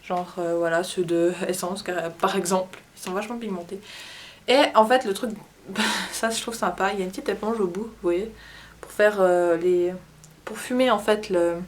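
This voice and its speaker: A woman with a Swiss French accent, chatting casually through a makeup haul and often pausing to search for words. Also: medium pitch, fairly even intonation. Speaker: beauty vlogger. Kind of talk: casual product haul chat.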